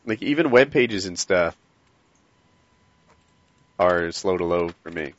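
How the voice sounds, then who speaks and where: A man chatting casually as the host of a live stream, with muffled low-fidelity audio. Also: lively intonation, slow pace, dry recording. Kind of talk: casual chat.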